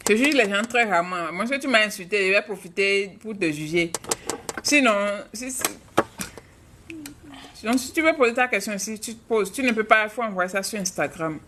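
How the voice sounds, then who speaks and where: A woman's voice: mid-range voice, animated, normal speed, bright, forceful tone, a little hiss or hum. A woman from Africa, a mother, hosting a live stream and chatting frankly with viewers while answering their questions. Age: adult, mother of a child.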